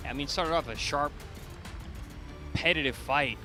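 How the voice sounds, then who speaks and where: Guy doing boxing color commentary, really stresses his points, music going loud behind him. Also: fairly high pitch, moderate pace. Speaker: boxing analyst. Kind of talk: live fight commentary.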